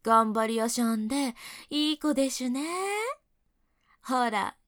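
A woman playing a young adult senior colleague in a second-person audio role-play, scolding her junior and then softly doting and teasing him. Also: on the high side, takes it slowly, dry recording, clean studio sound. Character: bossy yet doting older female coworker, young adult.

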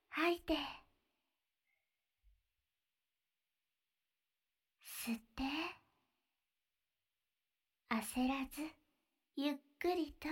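A woman voicing a sweet, attentive young maid in an ASMR roleplay, speaking with polite honorifics and gently guiding her master. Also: sits high. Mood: soft, soothing. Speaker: maid café maid.

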